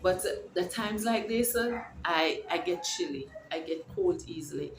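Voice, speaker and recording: A middle-aged Jamaican woman records a casual, faith-filled vlog at home, her fairly low voice animated and measured over a noisy background. She sounds encouraging and a bit preachy, rambling and restarting her sentences. The echoey room carries faint ambience.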